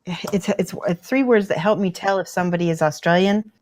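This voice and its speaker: A woman's voice: fairly low pitch, fairly quick, darkish tone. A woman chatting casually while she paints miniatures on a livestream. She laughs often and often restarts her words.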